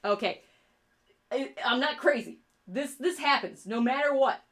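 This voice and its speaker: Her voice sits high and sounds animated and a bit bright, though her pace is measured. Hailing from rural New York State with an upstate accent, this streamer and artist chats loosely while drawing live, rambling, swearing a lot, and laughing at her own jokes.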